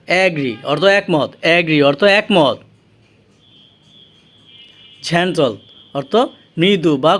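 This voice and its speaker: A man with a Bangladeshi accent teaching English vocabulary, saying each word slowly and repeating it with its meaning. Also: high voice.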